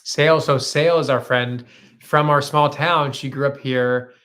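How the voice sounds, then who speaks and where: Recorded on a phone's front camera, this thirties-aged co-host of a live chat stream reads out viewer comments, talkative and upbeat with easy laughter. He has a mid-range, fairly bright voice with a steady tone and talks a little slowly.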